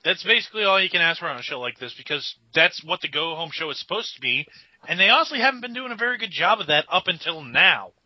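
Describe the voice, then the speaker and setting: Male co-host, rapid matter-of-fact delivery, husky higher voice, lo-fi. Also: animated, no room sound. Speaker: podcast co-host. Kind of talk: casual chat recapping wrestling.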